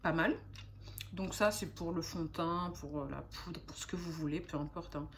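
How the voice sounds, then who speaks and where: Chatty woman vlogger, halting fillers. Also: deep voice, steady tone, a little hiss or hum. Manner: chatty, hesitant with frequent fillers. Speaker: beauty vlogger. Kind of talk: casual haul chat.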